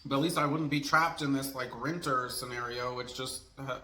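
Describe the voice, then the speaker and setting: A man's voice: medium pitch, fairly even intonation, normal speed, sharp tone. A man chatting casually to camera as a food vlogger, candidly venting in a rambling, storytime way. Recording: echoey room, faint background noise.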